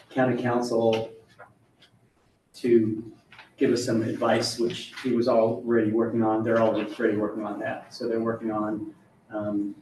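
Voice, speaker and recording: A man's voice: fairly low pitch, darkish tone, a little hiss or hum. A man chairing a public board meeting, speaking informally and rambling a bit with many fillers. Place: county board meeting room. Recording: echoey meeting room, mic at a distance.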